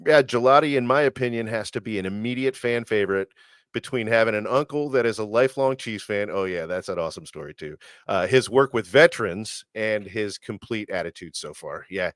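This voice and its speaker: A man's voice: lowish voice, animated, fairly quick, no room sound, studio quality. A man co-hosting a casual sports podcast, talking in an enthusiastic, chatty way and sometimes searching for words. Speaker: podcast co-host.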